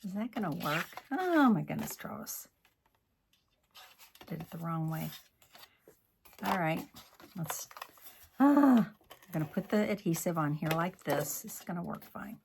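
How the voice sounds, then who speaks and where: A man's voice: a little high, measured pace, gravelly, long pauses, a little hiss or hum. A man demonstrating card-making in a chatty tutorial, scolding himself and muttering asides as he works. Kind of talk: crafting tutorial.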